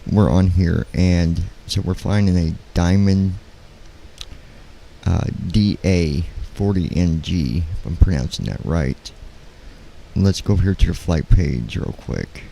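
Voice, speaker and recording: A man live-streaming in casual, halting talk, keeping his voice quiet at night so as not to wake anyone. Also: low-pitched, creaky, a little hiss or hum, rough recording. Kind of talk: casual chat, flight sim livestream. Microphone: handheld studio microphone.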